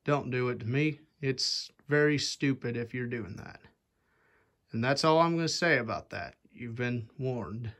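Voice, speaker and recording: A young man runs a ceiling-fan collector channel, rambling casually through a fan demo with plenty of "anyway"s while holding a phone pointed up at a fan in an indoor attic or shed with exposed wooden rafters. His mid-range voice is measured and a little bright.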